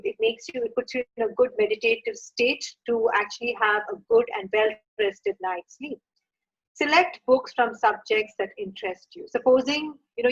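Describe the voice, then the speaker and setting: A woman's voice: high-pitched, husky. A middle-aged woman from India giving earnest advice to parents in a workshop talk, with frequent fillers. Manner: earnest and advising, with frequent uh and you know. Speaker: founder of a children's reading program, workshop speaker. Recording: dull lo-fi sound.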